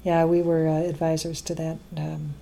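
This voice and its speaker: A middle-aged woman with a low, gravelly voice speaks at a normal speed in a completely flat delivery while a crowd murmurs behind her. She's a guest on an interview, a science education advocate, chatting casually, laughing often, and restarting with plenty of fillers.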